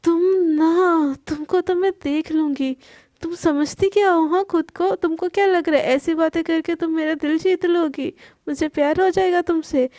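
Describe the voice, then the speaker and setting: A woman voicing Palak, a proud young woman who speaks in a sharp, accusing, indignant way. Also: sits high, steady tone, moderate pace, no echo. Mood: furious.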